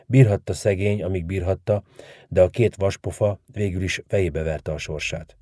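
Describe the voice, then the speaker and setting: A man narrating a literary story in a measured, dramatic reading manner. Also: deep voice, warm tone, no echo, clean studio sound.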